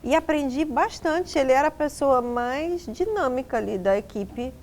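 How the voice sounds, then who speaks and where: A woman's voice: high-pitched, animated, moderate pace, darkish tone, a little hiss or hum. A middle-aged woman from Rio de Janeiro, a guest on an interview show, recalling past experiences in a reflective way with frequent tag questions. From Rio de Janeiro, Brazil. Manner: reflective, filler-tagged, trails off. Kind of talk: casual interview conversation.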